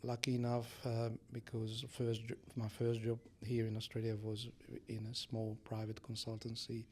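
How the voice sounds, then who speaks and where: A man in his sixties, originally from Hungary, speaking with a Hungarian accent as a guest engineer in a casual interview, measured and hesitant with frequent filler sounds. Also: medium pitch, monotone, a little mellow, a little hiss or hum.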